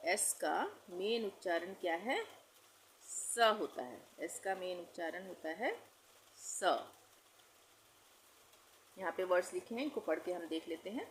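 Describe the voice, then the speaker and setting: A woman's voice: on the low side, animated, a little slow, pauses often, a little hiss or hum, low-quality recording. A woman teaching English pronunciation in Hindi, patiently repeating each rule and spelling words out letter by letter. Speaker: language teacher.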